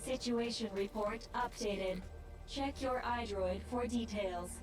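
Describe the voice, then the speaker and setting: A woman voicing a calm, formal female AI assistant in a video game, speaking in measured briefings. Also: fairly high pitch, over music. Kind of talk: scripted video game dialogue.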